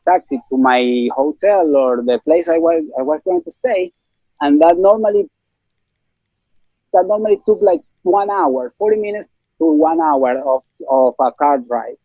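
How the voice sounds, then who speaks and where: A man's voice: a little high, big pitch swings, moderate pace, husky, no echo, narrow, tinny audio. A man from Ecuador with a Spanish accent, speaking casually as an interview guest with many fillers and restarts.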